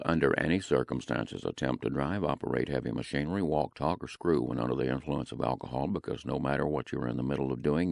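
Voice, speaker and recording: A man narrating an audiobook in a gritty, deadpan way, recorded close in a studio. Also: extremely low pitch, vocal fry, no room sound.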